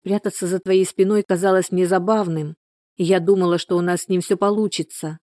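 A tearful pregnant young woman, worn down and desperate, as a woman reader voices her. She pleads in broken, repeated phrases, her voice low and mellow. The read is close and dry. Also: steady tone, fairly quick, no room sound, lightly acted. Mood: distraught. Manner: pleading, breaking repetitions.

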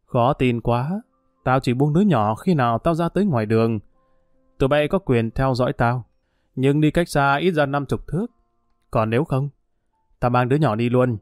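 A man's voice: mid-range voice, moderate pace, no echo, clean studio sound, faint music behind, close to an everyday voice. Brief: male narrator as a sneering hostage-taker, cold and threatening. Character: ruthless male thug holding a child hostage.

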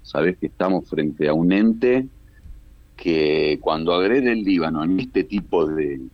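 An Argentine man with an Argentine Spanish accent speaks as an analyst guest on a remote radio link, offering emphatic political commentary that builds its points through repetition. His voice is deep and expressive, his pace unhurried, with no room sound and the highs cut off.

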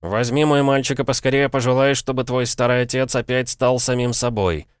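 A man's voice: medium pitch, fairly even intonation, fairly quick, clear, resonant tone, no room sound, studio quality, voice pushed up, lightly acted. A man voicing a pompous, agitated father stuck in a boy's body, in an audiobook. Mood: coaxing. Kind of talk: audiobook character reading.

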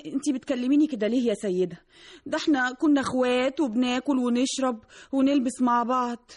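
A nervous young hairdresser with an Egyptian accent. Her voice is high and husky, and her words come out quickly. She sounds pleading and anxious. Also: darkish tone. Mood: worried. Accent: Egyptian Arabic. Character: young woman hairdresser, timid and frightened. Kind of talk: radio drama acting.

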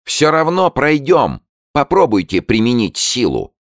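A man reading an audiobook, voicing a tall young woman who shouts in fury and sobs defiantly. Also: medium pitch, sing-song, a little slow, vocal fry, no room sound, clean studio sound, voice pushed up. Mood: furious, shouting. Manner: shouted, sobbing cries.

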